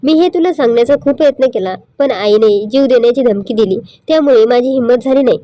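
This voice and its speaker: A woman reading the lines of a gentle young husband who earnestly apologizes and pleads with his wife. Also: a little high, a little fast, dry recording, close to an everyday voice.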